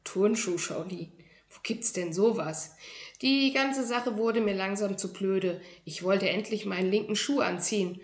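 A woman reads a children's book aloud at a slow, deliberate pace. Her tone is calm and even, made for young listeners. Her voice carries a roomy echo. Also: mid-range voice. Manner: calm, unhurried storytelling. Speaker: reader presenting library books.

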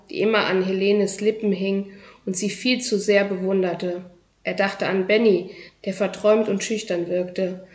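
A woman's voice: medium pitch, darkish tone. Woman reading a children's story. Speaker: audiobook reader. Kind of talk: children's book narration. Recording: roomy echo.

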